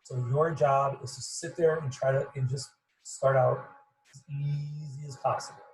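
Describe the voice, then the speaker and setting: A man coaching runners over a video call, rambling and repeating himself in a fairly monotone voice, sounding muffled and fuzzy. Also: medium pitch, normal speed. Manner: rambling, repeats words, self-described monotone. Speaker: running coach. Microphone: computer mic on video call.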